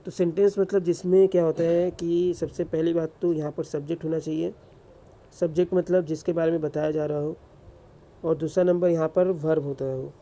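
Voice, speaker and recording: A man's voice: on the high side, level tone, moderate pace, warm tone. A man teaching English grammar in a classroom-style lecture, asking rhetorical questions and answering them himself.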